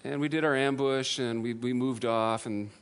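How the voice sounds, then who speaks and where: A man giving a personal testimony to an audience, earnest and self-deprecating, with halting restarts. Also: mid-range voice, steady tone, clean tone. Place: room with an audience.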